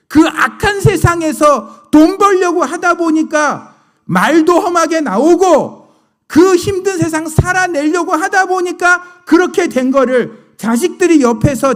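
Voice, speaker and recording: A middle-aged male pastor preaching a sermon, telling stories and asking the congregation rhetorical questions. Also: very high-pitched.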